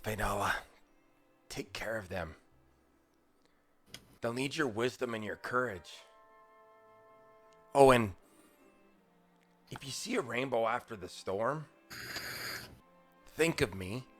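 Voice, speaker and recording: A man voicing a dying young woman who gives gentle, wise last words in a tabletop game. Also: medium pitch, expressive, slow pace, pauses often, soft background music. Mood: tender. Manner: soft farewell speech, wry.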